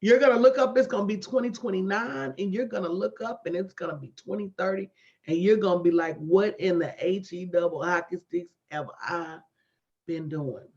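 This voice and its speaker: Lowish and a little mellow, this woman's voice moves at a moderate pace as she coaches a live online audience. In her late forties, she hosts a livestream as a motivational business coach, using emphatic, preacher-like repetition and folksy, direct address. The livestream audio is dull and lo-fi.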